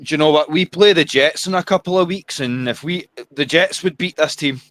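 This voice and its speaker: A man's voice: on the high side, brisk, a bit bright, no echo. A Scottish man chatting bluntly on a watch party. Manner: blunt, swears. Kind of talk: casual live watch party chat.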